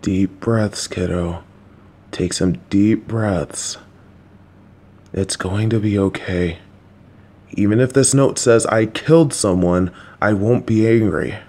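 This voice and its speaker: Slow-paced and a little mellow, the lowish male voice belongs to a voice actor performing a listener-directed audio roleplay. He plays a middle-aged father, patient, supportive and a bit clueless, whose calm, coaxing reassurance of his child comes with jokey asides.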